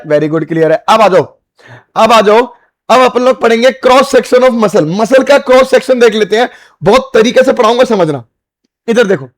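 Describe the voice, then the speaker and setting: A man with an Indian accent teaching biology as an exam-prep lecture, repeating points and checking often whether students understood. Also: high voice. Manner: repetitive, asks students if they understood; calls students "beta" and "bhai".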